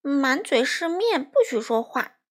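A woman doing a shrill, bratty little boy crow. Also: moderate pace, lightly acted. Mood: defiant shouting. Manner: shrill, sulky, shouting.

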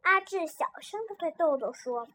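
A woman reading a children's story aloud in a lively, expressive way. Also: very high voice, normal speed.

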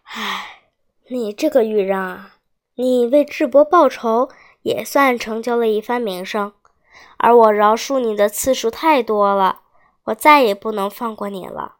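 A woman voicing a male lord who is stern yet magnanimous, speaking in a measured, grave manner. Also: fairly high pitch.

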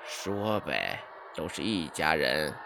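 A man voicing an irritable, secretive elderly great-uncle in a storybook tale, grumbling low and impatient. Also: sing-song, slow pace, vocal fry, noisy background, exaggerated voice. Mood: sleepy, impatient.

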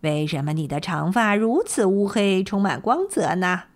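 A woman's voice: medium pitch, expressive, moderate pace, natural voice. Woman putting on a sly old crone. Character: ugly greedy old woman, sly and cackling.

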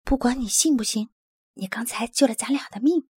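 Gentle young male polar bear cub for a storybook, a woman reads it: calm, reassuring, a little high. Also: fairly quick, husky, dry recording, studio quality.

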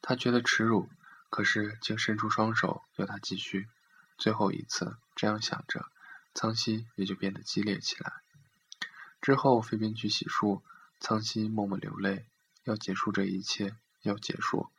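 Gravelly man reading a story. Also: lowish voice, flat delivery, moderate pace, fairly bright tone, slight background noise. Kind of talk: reading a literary story aloud.

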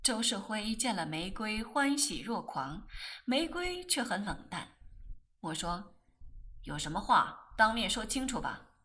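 A woman reading a novel aloud in expressive, animated storytelling narration. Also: medium pitch, a little slow, husky. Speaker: audiobook reader.

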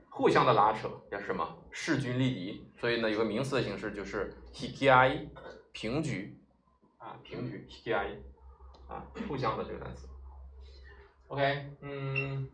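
A man teaching Japanese vocabulary, explaining each word and asking rhetorical questions, with many drawn-out "ah" fillers. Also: lowish voice, a bit bright. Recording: roomy echo, mic at a distance, faint ambience.

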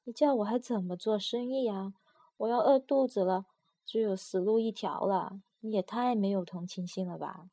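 A woman doing a hoarse, whining old peddler. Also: mid-range voice, normal speed, dark tone, natural voice. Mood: pleading. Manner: whining, pleading. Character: poor hoarse peddler man, self-pitying.

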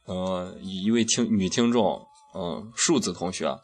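A man's voice: low voice, a little slow. A man hosting a radio show in a casual, irreverent chat full of crude slang. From Shaanxi, China. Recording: music behind the voice. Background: background music.

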